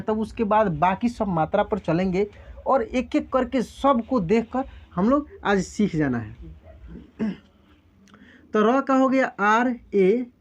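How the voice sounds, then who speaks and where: A man teaching a spelling lesson, patiently breaking words into sounds step by step. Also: sits high. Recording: dull lo-fi sound.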